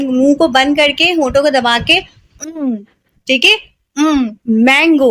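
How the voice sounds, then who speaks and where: A high-voiced woman leads a beginners' phonics lesson at an unhurried pace. She is patient, repeating every sound several times with plain example words. Her voice sits close and dry, with no room echo. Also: a bit bright. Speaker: teacher.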